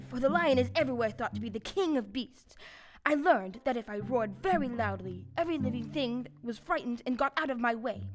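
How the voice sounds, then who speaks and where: A woman playing a big cowardly lion, plaintive and self-pitying, in a stage audio play. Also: high-pitched.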